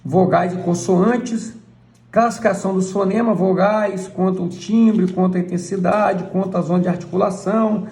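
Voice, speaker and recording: A church elder with a Brazilian Portuguese accent teaches from a book, pausing often to point things out. His voice sits fairly high but sounds mellow and gravelly. The recording carries a noticeable room echo. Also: fairly even intonation. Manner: points things out with frequent "look" asides. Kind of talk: explaining a book page by page.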